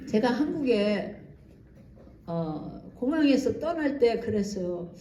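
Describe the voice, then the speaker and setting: A woman's voice: on the high side, sing-song, slow, dark tone, a little hiss or hum. A woman missionary giving a special lecture at a church, telling stories animatedly with acted-out quotes. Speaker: missionary speaker. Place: church hall. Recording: echoey church hall.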